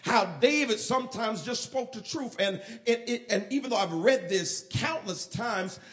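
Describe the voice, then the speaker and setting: A male pastor preaching a sermon, shifting from quiet, low asides to shouted and half-sung lines. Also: normal speed.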